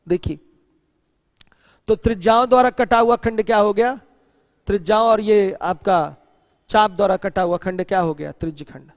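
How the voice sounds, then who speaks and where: High-voiced man teaching geometry. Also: dry recording, studio quality, in a large hall. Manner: asks students questions often and answers them himself; mixes English terms into the explanation. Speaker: math teacher. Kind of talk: online geometry lesson.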